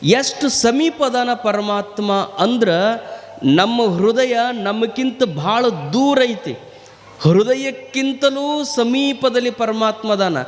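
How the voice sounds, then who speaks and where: North karnataka guy preaching, high voice, lively storytelling, long echo in a hall. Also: slow. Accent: North Karnataka Kannada. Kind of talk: spiritual sermon with storytelling.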